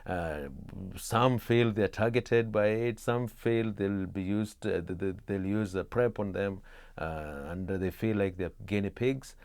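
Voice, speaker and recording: A middle-aged man from Kenya, explaining his theatre work in an interview, measured with many pauses and restarts. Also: lowish voice, darkish tone, no room sound, studio quality.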